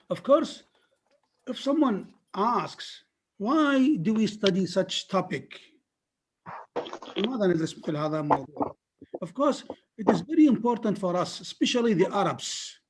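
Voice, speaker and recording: A man whose first language is Arabic, giving an online phonetics lecture in English and Arabic, slow and repetitive as he drills words and definitions. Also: sits high, slight background noise.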